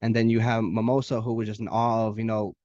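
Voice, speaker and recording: A man casually recapping an anime chapter as a channel host, chatty and full of fillers, now and then putting on excited voices for the characters. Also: fairly low pitch, lo-fi sound. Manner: fast, chatty, filler-heavy retelling with playful voice impressions. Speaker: anime reviewer.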